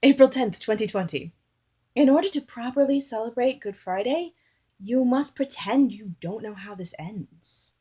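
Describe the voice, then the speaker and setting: A woman's voice: on the high side, moderate pace, mellow, breathy edge. A woman performing a comic bit, reading dated entries from a joke diary in a chatty, giggly way. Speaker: comedy performer.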